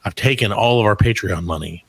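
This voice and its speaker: A man in his thirties co-hosting a comedy podcast, telling animated, profane stories in casual banter. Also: on the low side, brisk, slightly rough, no echo. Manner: animated storyteller, swears a lot, slips into silly voices. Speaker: podcast co-host.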